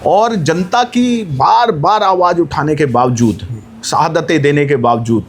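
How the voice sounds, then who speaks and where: A man's voice: on the high side, unhurried. A man speaking as an activist guest, making a rousing, rhetorical appeal that climbs to emphatic peaks. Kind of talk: impassioned interview speech.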